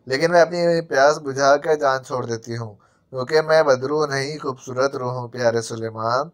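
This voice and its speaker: A man's voice: medium pitch, natural voice. A man doing a taunting female spirit. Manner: taunting, sharp. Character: mocking female spirit, bloodthirsty.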